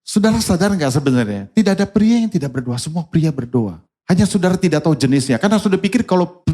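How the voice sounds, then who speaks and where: A man preaching to his congregation in a fairly high voice. He keeps it lively and conversational, throwing questions at the crowd and slipping into the voices of the people in his story. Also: quick pace. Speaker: pastor. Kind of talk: sermon. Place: church service.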